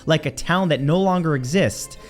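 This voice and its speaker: A male presenter of a countdown list show narrates a scripted list with suspense and emphatic phrasing, slowing on key words. His fairly high voice is very animated, with music underneath.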